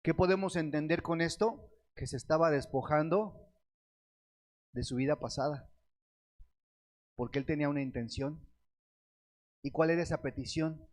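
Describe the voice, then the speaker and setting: Guy preaching a sermon, kinda higher voice, asks stuff n answers it, calls everyone beloved brethren. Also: a little mellow. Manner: asks questions and answers them himself; reads scripture aloud with slow stretched words.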